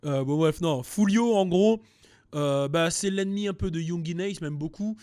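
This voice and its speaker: A young man from France talks through rap news in a loose, animated way. His voice sits high, and he fills gaps with hesitations and quick restarts. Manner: animated, frequent fillers and restarts. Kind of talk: casual commentary video.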